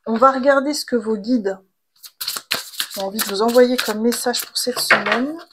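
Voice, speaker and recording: A woman talks through a tarot reading in a relaxed, chatty way, pausing on gentle fillers and restarting her sentences. Her voice sits a little high for a woman. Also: noisy background. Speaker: tarot reader. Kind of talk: casual spiritual card reading.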